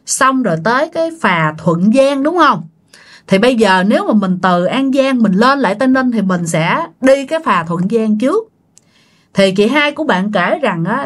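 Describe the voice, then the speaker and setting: A woman's voice: on the high side, animated, moderate pace. A woman with a Southern Vietnamese accent telling a ghost story in a chatty, casual way, addressing her listeners directly.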